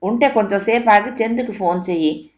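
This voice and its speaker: A woman's voice: mid-range voice, brisk, voice pushed up, natural voice. A woman voicing a curt, irritated middle-aged father who answers his son's phone. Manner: curt, testy. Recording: echoey room recording.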